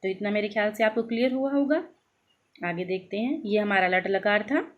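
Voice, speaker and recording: A woman teacher giving a grammar lesson, slowly reciting verb forms and checking in with her students. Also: mid-range voice, phone-quality sound. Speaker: Sanskrit teacher.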